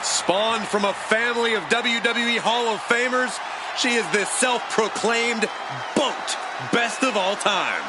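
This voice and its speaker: A man's voice: extremely high pitch, slow pace, over a noisy crowd. A man calling wrestling play-by-play as a commentator, in a dramatic, emphatic delivery over a noisy arena. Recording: loud arena noise behind.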